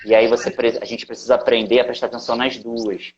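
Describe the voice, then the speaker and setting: A man's voice: medium pitch, fast, dull audio, a little hiss or hum. A Brazilian man, a guest coach, explaining in casual talk and acting out inner voices. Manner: animated, acts out inner voices. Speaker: interview guest, NLP coach.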